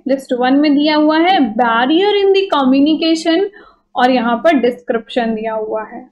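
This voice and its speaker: High-voiced woman teaching, conversational. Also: a little slow, a little mellow, lo-fi sound. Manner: conversational, checks in with "ठीक है" often. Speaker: exam-prep teacher. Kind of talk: explanatory online lecture.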